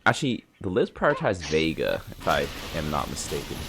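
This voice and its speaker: Low-voiced, stuffy gamer guy chatting. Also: very animated, brisk, vocal fry. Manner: laid-back, rambling, chatty with viewers as "boys". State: stuffy nose. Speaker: gaming YouTuber. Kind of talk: casual live gameplay commentary. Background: game music and sound effects.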